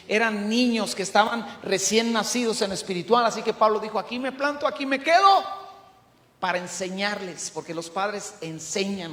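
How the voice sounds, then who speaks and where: A middle-aged Mexican man preaching a sermon as pastor, emphatic, swinging from loud to hushed. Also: sits high. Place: church hall. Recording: echoey church hall.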